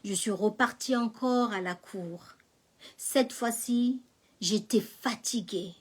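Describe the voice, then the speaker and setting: A woman telling a personal story as a testimony, dramatic and acting out the scenes, going from hushed to loud. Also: fairly high pitch, takes it slowly.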